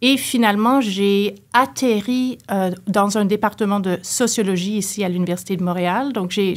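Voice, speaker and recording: Thoughtful woman professor, hesitant speech. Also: mid-range voice. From Canada. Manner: thoughtful, hesitant, many fillers. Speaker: sociology professor, guest. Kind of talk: academic interview.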